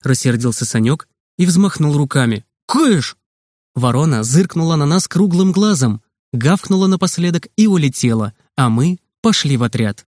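A man's voice: moderate pace, dry recording, clean studio sound. Man narrating a children's storybook. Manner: lively, plays each child's line with raised pitch. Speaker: audiobook narrator.

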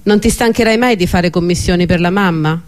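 A man's voice: high voice, fairly quick, close to an everyday voice. A man reading a mocking older sister. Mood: teasing. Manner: mocking, drawling. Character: teasing married older sister.

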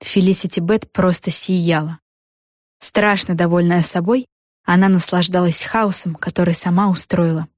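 A woman narrating a children's storybook in a clear, even storytelling style. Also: on the low side, moderate pace, dry recording, clean studio sound. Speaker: audiobook narrator.

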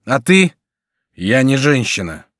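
A male narrator voicing a gallant young nobleman with brisk, eager exclamations. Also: mid-range voice, big pitch swings, fairly bright tone, no echo, clean studio sound, heavily acted.

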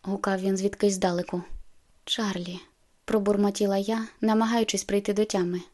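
A woman reading an audiobook in an even, subdued way. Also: medium pitch, fairly quick. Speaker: audiobook narrator. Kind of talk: scripted narration.

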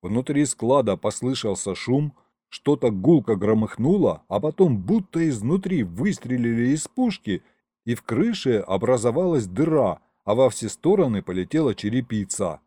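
Lively male audiobook narrator. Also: mid-range voice, normal speed, no room sound. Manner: lively storytelling, first person. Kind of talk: scripted narration.

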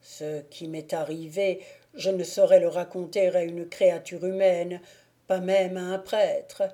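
A woman voicing a tormented young man who pleads in a low, heavy voice, in an audiobook. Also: slow, mellow. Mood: despairing. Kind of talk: audiobook character reading.

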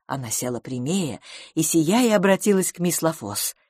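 Woman reading an audiobook, lowish voice, lots of swing, dry close mic. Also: normal speed, breathy edge, no room sound. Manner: expressive, animated reading. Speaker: audiobook narrator. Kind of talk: scripted narration of a humorous novel.

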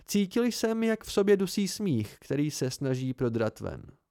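A man calmly narrating a first-person novel as an amateur audiobook reader. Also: a little high, no echo, clean studio sound. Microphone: home recording.

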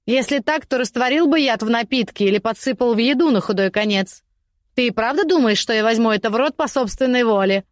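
A woman's voice: brisk, no echo, clean studio sound, lightly acted. A woman voicing a scornful, desperate imprisoned aristocratic lady who mocks and shrieks at her captors in an audiobook. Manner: mocking, shrill and demanding. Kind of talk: audiobook character voice.

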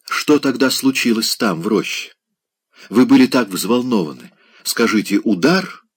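A man's voice: medium pitch, lively intonation, a little slow, breathy edge, voice pushed up. A man voicing a coy, scheming middle-aged provincial lady who pries with wheedling, insinuating questions. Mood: coaxing.

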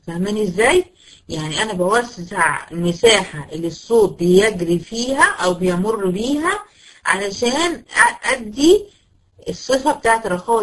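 A woman's voice: medium pitch, a bit bright, low-quality recording. Woman with an Egyptian accent teaching recitation. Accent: Egyptian Arabic. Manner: patient, explanatory, asks her own questions and answers them; repeats short demonstration syllables. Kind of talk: tajweed lesson to female students.

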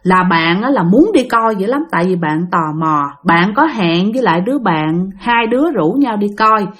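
A woman with a Southern Vietnamese accent narrating a ghost story in a chatty, drawn-out way, with many sentence-end particles. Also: mid-range voice, fairly bright tone.

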